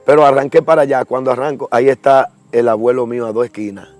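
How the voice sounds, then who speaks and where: A young man tells his personal testimony in a middle-pitched voice. He is earnest and acts out the voices of the people in his story. Soft music plays faintly behind him. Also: fast talker. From Dominican Republic. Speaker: guest giving a testimony.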